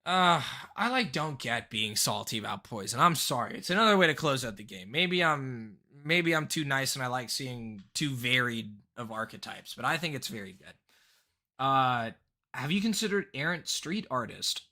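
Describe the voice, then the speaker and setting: A man casually talking through viewer-submitted card decks on a live stream, rambling and excitable, with plenty of fillers and restarts. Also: medium pitch, normal speed. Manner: rambling and excitable, full of fillers and self-corrections.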